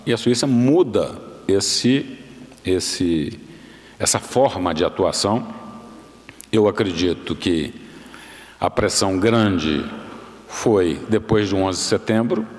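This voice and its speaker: A Brazilian man in his sixties giving a formal lecture from a lectern in a large university auditorium, measured and explanatory, often restarting and correcting himself. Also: sits low, lively intonation, darkish tone. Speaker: guest lecturer. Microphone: lectern microphone. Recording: long hall reverb.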